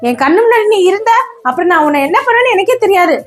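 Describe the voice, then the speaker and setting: A woman playing a shrill, emotional young wife. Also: expressive, very fast, faint music behind. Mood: indignant. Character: wife, touchy, then tender to the adopted boy. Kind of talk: comedy skit acting.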